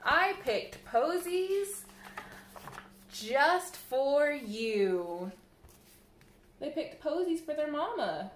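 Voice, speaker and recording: Seated by a window in a small indoor room, a thirties-aged woman on the library staff reads a picture book aloud to little kids, speaking straight to them. Her voice runs a bit high, lively and sing-song, and she goes very slowly with long pauses. The camera mic sits slightly away, so the room's echo comes through.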